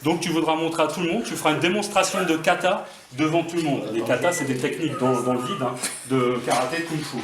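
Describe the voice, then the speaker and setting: A man working as a stage hypnotist, giving calm, repeated commands and suggestions. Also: fairly high pitch, quick pace, few pauses, a crowd in the background. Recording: roomy echo, distant mic, loud background noise.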